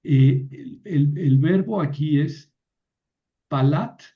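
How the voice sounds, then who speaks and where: Male teacher, unhurried and hesitant, full of fillers; muffled lo-fi sound. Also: on the high side. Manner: slow, hesitant explaining with many fillers and restarts. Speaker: biblical Hebrew teacher. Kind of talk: online class lecture.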